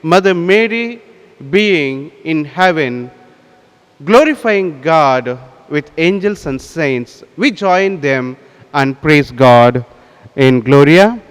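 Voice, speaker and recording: A priest speaks into an altar microphone in a large cathedral. His voice is smooth and clear and sits a little high for a man. He intones in a solemn, measured way, with long reverb trailing off each phrase. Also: lively intonation. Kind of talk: presiding at Mass.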